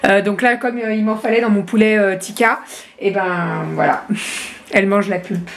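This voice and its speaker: In a steady, mid-range voice at normal speed, a woman talks over a slight hiss or hum. She's filming a relaxed home vlog in her kitchen about family life, rambling along and frequently pausing or fixing what she's said.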